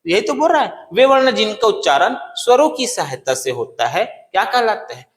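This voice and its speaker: A male teacher giving an exam-prep lecture, asking questions and answering them himself, and slowly repeating key phrases. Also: high-pitched, very animated. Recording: echoey room with long reverb.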